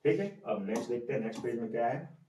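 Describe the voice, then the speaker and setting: A man's voice: mid-range voice, quick pace, warm tone, slight background noise. A male English teacher with an Indian accent, teaching a class and drilling words by repetition, often asking and answering his own questions. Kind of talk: classroom lesson. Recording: echoey room, mic far off.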